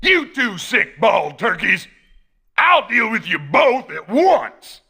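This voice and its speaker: Hercule, a blustering braggart champion. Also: male voice, high-pitched, sing-song, slow pace, creaky, slightly rough, heavily acted. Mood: boastful taunting. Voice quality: loud, blustering. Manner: brags and taunts, then loses nerve. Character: boastful, cowardly male martial arts champion. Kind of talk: video game voice acting. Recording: game audio with music behind.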